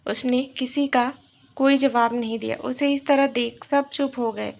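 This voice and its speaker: A woman narrating a romantic story in a steady, emotional storytelling manner. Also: high-pitched, measured pace, vocal fry, a little hiss or hum.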